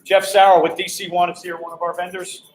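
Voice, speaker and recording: A man, a high school football coach, hosting a casual live-stream walkaround, upbeat and greeting viewers and passersby. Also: level tone, a little fast, soft background music, low-quality recording. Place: hotel during a coaching clinic.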